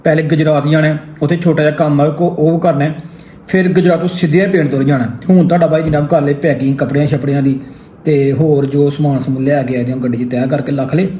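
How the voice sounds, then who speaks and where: A man's voice: on the high side, warm tone. A man with a Pakistani Punjabi accent chatting casually to viewers as a vlogger, often listing things one by one and peppering his talk with filler forms of address. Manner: repeats filler address words and lists items one by one. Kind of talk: casual vlog chat to viewers. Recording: clear ambient and car noise.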